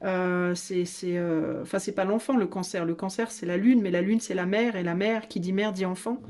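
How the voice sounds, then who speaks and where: A woman's voice: on the low side, fairly even intonation, moderate pace, a little mellow. A woman giving a casual tarot reading in a playful, chatty way, teasing her listeners and laughing often. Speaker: tarot card reader.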